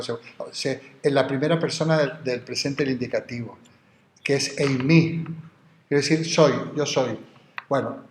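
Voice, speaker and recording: A man gives a university philosophy lecture, wandering into asides as he explains Greek terms. His voice sits at an ordinary middle pitch, and it carries a noticeable room echo the classroom. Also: slight background noise. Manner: digressive, explains Greek terms slowly, spells words out.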